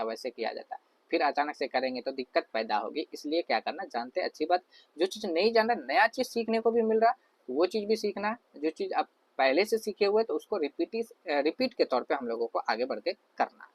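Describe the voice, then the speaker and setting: A man's voice: fairly high pitch, a little fast. A man teaching an online class. He explains patiently, repeats himself often and uses many fillers. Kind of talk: classroom lecture over slides.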